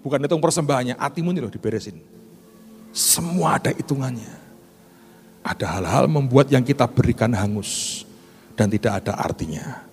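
A middle-aged male pastor, telling stories in an animated sermon and speaking directly to the congregation. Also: mid-range voice, moderate pace, long pauses, soft background music. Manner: animated storytelling, addresses listeners as "saudara".

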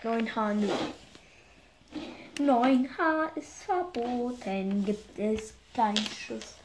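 Playful woman taking her turn slowly. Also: fairly high pitch, background noise. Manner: playful, sing-song, jokes around. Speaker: opponent in a board game. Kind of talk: casual game chat.

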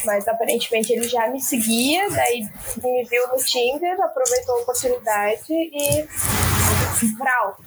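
Chatty high-voiced woman telling stories. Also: unhurried, noisy background. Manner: chatty storyteller, laughs often. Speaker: podcast guest. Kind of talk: casual podcast chat.

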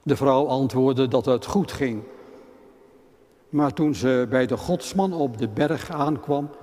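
A man reading scripture aloud and preaching as a pastor, in a measured, deliberate way. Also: medium pitch, mellow. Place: church. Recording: long reverb of a church hall.

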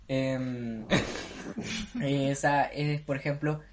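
A man's voice: medium pitch, expressive, very slow, a little hiss or hum. A young man with a Chilean accent hosting a casual podcast chat, slangy and often laughing as he talks over his co-hosts. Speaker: podcast host.

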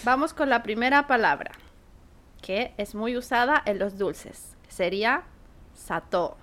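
A woman with a fairly high voice co-hosts a relaxed podcast chat. She talks slowly and deliberately, filling gaps with soft agreeing murmurs. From Chile. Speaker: podcast co-host. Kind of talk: casual chat.

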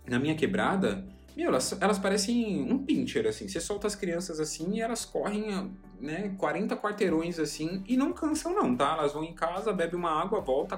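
Chatty young man, self-mocking. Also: a little high. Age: young adult. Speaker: podcast host. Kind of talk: casual monologue.

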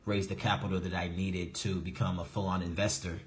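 A young man joins a video call as a guest and answers questions in a relaxed, explanatory way. He often fills gaps with "you know" as he talks through his points. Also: low voice, a little fast, a little hiss or hum. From United States. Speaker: guest, real estate investor.

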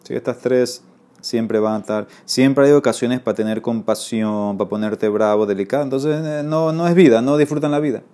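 A man's voice: medium pitch, steady tone, fairly quick, dark tone. A man teaching a Talmud class, reading Aramaic and explaining it in Spanish, often checking with his listeners. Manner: reads Aramaic then explains in Spanish, asks "¿ok?".

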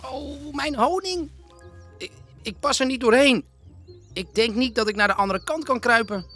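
A man voicing a small excitable girl bear cub who squeals and dramatizes. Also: high voice, moderate pace, faint music behind, voice pushed up, exaggerated voice. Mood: panicked.

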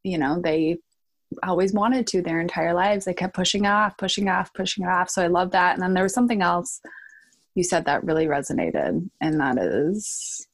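A woman's voice: lowish voice, normal speed. A woman hosting a podcast in a casual, chatty interview style, informal and a little self-deprecating. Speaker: podcast host.

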